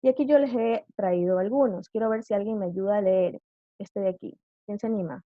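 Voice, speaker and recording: A woman's voice: mid-range voice, fairly quick, no room sound, muffled recording. A woman teacher giving a live online class, patiently quizzing her students with questions.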